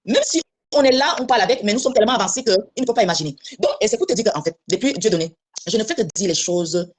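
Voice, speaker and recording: A woman's voice: medium pitch, animated, racing, husky. A woman from Cameroon living in France, talking bluntly and insistently in a casual online discussion, repeating her points. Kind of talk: heated casual chat. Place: lives in France.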